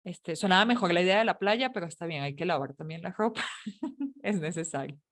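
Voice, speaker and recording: A woman's voice: fairly low pitch, expressive, a little fast. A woman teaching an English grammar lesson, explaining in a chatty, playful way with jokes and questions to her students. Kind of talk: online English lesson taught in Spanish.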